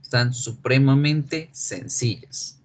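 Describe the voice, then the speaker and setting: A male English teacher whose first language is Spanish, giving an online class in a slow, patient way and often checking that students follow. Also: mid-range voice. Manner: slow, patient explaining with frequent check questions. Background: keyboard typing.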